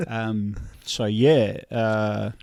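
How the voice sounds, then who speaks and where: A man's voice: on the low side, gravelly. A middle-aged man with a broad Kiwi accent chatting casually and in a laid-back, blokey way as a podcast co-host. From New Zealand. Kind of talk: casual chat.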